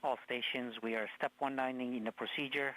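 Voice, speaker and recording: A male flight director runs through procedure on a comms loop. His voice sits at a middle pitch, and he speaks in short formal calls and acknowledgements. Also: fairly even intonation, fast, bright, forceful tone, slight background noise, low-quality recording. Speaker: flight director running a poll.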